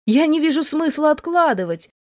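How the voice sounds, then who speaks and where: A woman voicing a middle-aged female doctor calling by phone, brisk and reassuring. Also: sits high, lively intonation, dry recording, clean studio sound, pitched above the performer's own voice.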